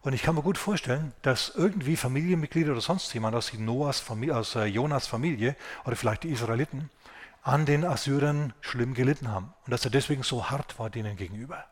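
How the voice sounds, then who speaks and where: A man's voice: medium pitch, quick pace. Chatty male pastor preaching a sermon. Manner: colloquial, digressive, addresses congregation directly.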